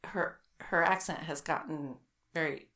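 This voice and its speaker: A middle-aged woman co-hosting a podcast, chatting casually over wine and telling animated stories. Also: low voice, unhurried. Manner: chatty, animated storyteller with quoted voices. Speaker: podcast co-host.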